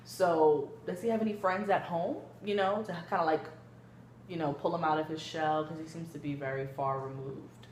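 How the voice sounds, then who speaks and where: In an echoey room with some background noise, a woman acts as a gentle female therapist in a family-session role-play. Her voice is low, and she explains things conversationally, hesitantly, with many hedges. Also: steady tone, moderate pace, lightly acted. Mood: calm, concerned. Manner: hesitant, hedging with frequent kinda and you know. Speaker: student clinician in a role play.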